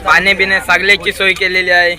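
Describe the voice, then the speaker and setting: A young man chats his way through a vlog from inside a bus. His voice sits fairly high, and he keeps telling viewers to look at things around him. The phone recording picks up the chatter of a crowded bus behind him. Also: monotone, brisk. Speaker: vlogger. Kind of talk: casual vlog narration. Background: chattering passengers on the bus.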